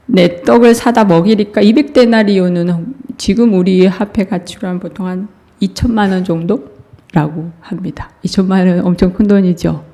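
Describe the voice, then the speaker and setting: A woman preaching a Sunday sermon in church, telling the scripture story with lively, chuckling delivery. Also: fairly low pitch, normal speed. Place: church sanctuary.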